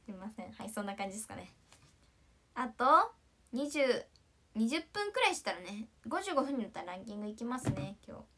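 A woman in her twenties from Ishikawa, chatting casually on a morning livestream, her voice not yet warmed up and straining on high notes, thinking aloud and trailing off softly. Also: big pitch swings, fairly quick, background noise. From Ishikawa, Japan. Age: 20s.

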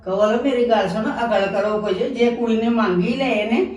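A firm, admonishing Punjabi mother, played by an actress, with a fairly high voice. She scolds her daughter-in-law and settles a quarrel over money. She is heard from a distance in a very echoey room. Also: moderate pace, a little mellow, natural voice. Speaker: actor in a family drama.

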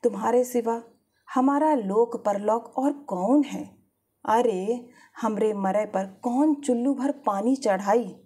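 A woman voicing a meek, hunchbacked older woman who pleads and speaks shyly, in a husky voice. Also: on the high side, slow pace, dark tone. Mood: wailing. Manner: pleading, shy.

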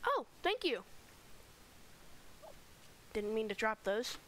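A woman's voice: a little high, very animated, takes it slowly, a bit bright, slight background noise, low-quality recording. A woman hosting a casual game let's play, chatting in a rambling way as she gives a tour with fillers. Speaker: gaming channel host.

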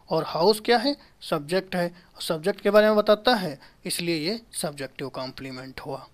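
A man in his thirties gives a whiteboard grammar lesson in a small indoor room, recorded by a camera a few feet away. He speaks at an unhurried, deliberate pace. He keeps repeating key terms and asking questions he then answers himself. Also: high-pitched, a bit bright. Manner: explains slowly, repeats key terms, asks rhetorical questions. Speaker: English grammar teacher.

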